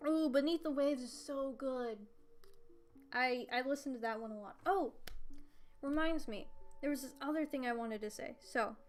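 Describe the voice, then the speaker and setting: A woman's voice: high-pitched, moderate pace. A teenage girl chatting casually on a livestream from her bedroom, rambling with lots of fillers and giggles. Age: teens. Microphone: streaming desk mic. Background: game soundtrack music playing faintly.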